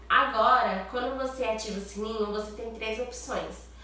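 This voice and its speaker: A Brazilian woman vlogger with a Brazilian Portuguese accent chats casually to camera, her voice nasal and stuffy from a cold and often tagged with little questions. Her voice is a little high and a bit bright, recorded far from the mic in a very echoey room with a little hiss or hum.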